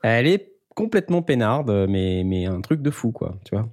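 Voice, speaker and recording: A man's voice: on the low side, very animated, normal speed, darkish tone, slight background noise. A man hosting a casual podcast chat, joking about himself between frequent hesitations. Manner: jokey, self-mocking, hesitant with many fillers. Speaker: podcast host.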